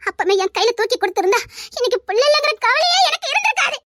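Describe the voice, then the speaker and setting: A performer voicing a tearful, gentle elder sister in a homemade family drama, with a Tirunelveli accent. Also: extremely high pitch, very animated, rapid-fire, no echo, clean studio sound, heavily acted. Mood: urging. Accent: Tirunelveli Tamil. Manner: tearful, soft-spoken, affectionate.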